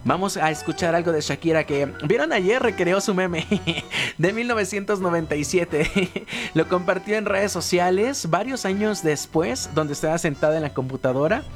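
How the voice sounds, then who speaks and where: A man's voice: sits high, expressive, moderate pace, faint music behind. A man hosting a morning radio show with a Mexican Spanish accent, chatty and promotional. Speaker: radio host. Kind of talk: upbeat radio presenting.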